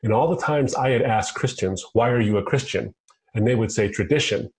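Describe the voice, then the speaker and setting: A man's voice: medium pitch, brisk, a little mellow. A middle-aged American man, a guest on the line, telling his own story in an earnest, conversational way. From United States. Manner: earnest storytelling, quotes himself in asides. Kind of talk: conversational interview. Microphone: phone line.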